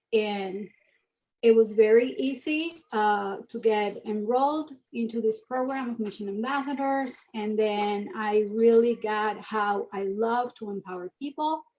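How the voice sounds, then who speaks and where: A Venezuelan woman in her thirties, a mission ambassador, appears as an interview guest in a casual chat, telling stories earnestly and with animation. Her voice is fairly high, and the recording is rough.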